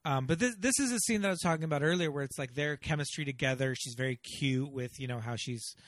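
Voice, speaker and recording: A man's voice: medium pitch, fast talker, no echo, studio quality. A man in a casual film discussion, rambling conversationally as a podcast panelist.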